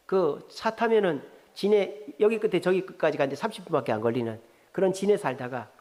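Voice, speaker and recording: A man's voice: fairly high pitch, darkish tone. A middle-aged pastor with a Gyeongsang Korean accent, preaching in a chatty way, quizzing his congregation and telling jokes. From South Korea, Gyeongsang region. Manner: conversational, asks the congregation questions, jokes. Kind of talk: sermon. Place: church sanctuary. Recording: long hall reverb in a church.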